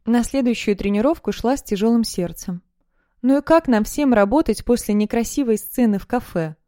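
A woman narrating an audiobook in the first person, in a lively, conversational way. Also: on the high side, normal speed, dry recording, clean studio sound.

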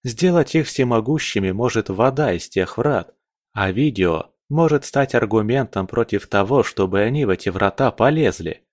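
A man voicing a calm young male necromancer who lays out his arguments point by point in an audiobook. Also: on the low side, normal speed, no echo, studio quality, lightly acted. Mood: calm, persuasive.

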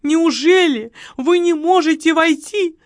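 A woman's voice: extremely high pitch, a little slow, no room sound, clean studio sound, voice pushed up. A woman voicing a theatrical, self-pitying widow who pleads and sighs melodramatically. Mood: dramatic pleading.

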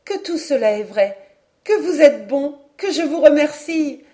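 A woman's voice: fairly high pitch, lively intonation, a little slow, warm tone. A woman voicing an eager, determined young woman who speaks in a pleading, enthusiastic, persuasive way in an audiobook.

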